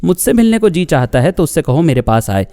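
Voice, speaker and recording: A man's voice: fairly high pitch, big pitch swings, a little fast, mellow, soft background music, voice pushed up. A man voicing a naive, childlike young woman who pleads artlessly in a storybook reading. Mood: childlike, pleading.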